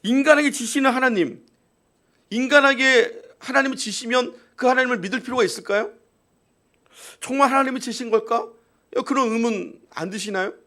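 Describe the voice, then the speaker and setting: Korean pastor guy preaching, highish voice, swings all over, lots of rhetorical questions. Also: lively intonation, normal speed, long pauses, bright, forceful tone. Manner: storytelling with acted quotes and rhetorical questions. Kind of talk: sermon. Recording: live church service.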